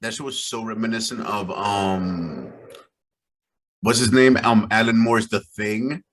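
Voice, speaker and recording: A man co-hosting a casual podcast over a video call, talking in animated slang with sudden exclamations. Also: fairly low pitch, measured pace, slight background noise. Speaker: podcast co-host.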